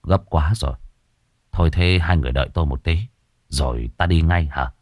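A solemn master speaks quietly and deep, slow and measured, every word weighed, as a man puts him on. The voice is dry and close, with no room around it. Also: dry recording. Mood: urgent. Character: calm, grave male exorcist master, low-spoken.

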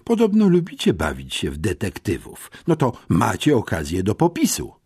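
A man's voice: fairly low pitch, huge pitch swings, moderate pace, darkish tone, breathy edge, exaggerated voice. A man voicing a stern, pompous school headmistress in an audiobook, curt and commanding. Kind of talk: audiobook character voice.

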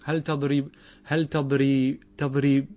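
A man's voice: medium pitch, level tone, warm tone. Man teaching a patient grammar lesson. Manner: explains step by step, asks and answers his own questions; drawls out example words slowly. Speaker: sheikh teaching Arabic grammar.

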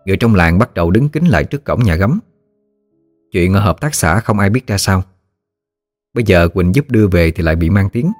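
A man narrating an audiobook story in a steady, descriptive way. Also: low voice, brisk, long pauses, soft background music.

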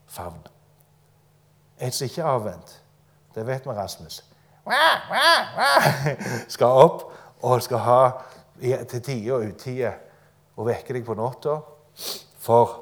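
A man's voice: mid-range voice, a little mellow. Folksy man preaching to a live congregation. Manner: conversational and folksy, with light humor. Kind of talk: informal live sermon. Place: church gathering before a live audience.

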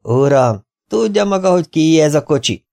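A man voicing an excitable elderly father who theatrically haggles over a car. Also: fairly high pitch, gravelly, pitched above the performer's own voice. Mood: pleading. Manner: theatrical, indignant salesman's pleading.

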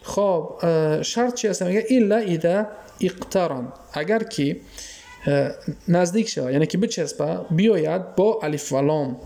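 A man's voice: a little high, gravelly, warm tone. A man with a Tajik accent teaching a grammar lesson. He hesitates often with filler sounds and keeps checking whether his students follow. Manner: keeps checking understanding with quick questions. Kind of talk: classroom lesson explanation.

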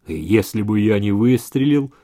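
A man voicing a cold, sinister male stranger who hisses his lines calmly in a story reading. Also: lowish voice, a little slow. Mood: menacing. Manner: hissing, menacing, calm.

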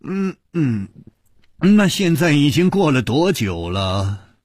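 Man voicing a relaxed wry hero, unhurried, husky voice, dry close sound. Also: fairly high pitch, dry recording, full character voice. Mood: wry calm. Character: calm, wry wandering hero.

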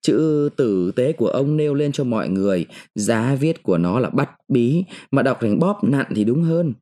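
A male narrator voicing a sharp-tongued, defiant mandarin's wife who scolds and taunts her husband. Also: medium pitch, lively intonation, normal speed, lightly acted. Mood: scornful.

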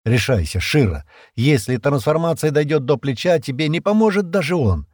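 A determined young man who gives firm, urgent orders in a forceful voice, as a male narrator acts him out. His speech is lively and emphatic. The read is close and dry. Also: fairly high pitch, moderate pace, no echo, voice pushed up. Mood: firm commanding. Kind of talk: audiobook character voicing.

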